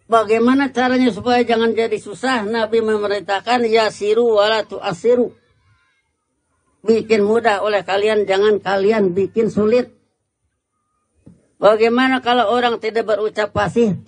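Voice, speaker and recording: A man preaching in a patient teaching manner, asking rhetorical questions and answering them himself. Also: high-pitched. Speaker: Islamic preacher. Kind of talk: Indonesian religious lecture.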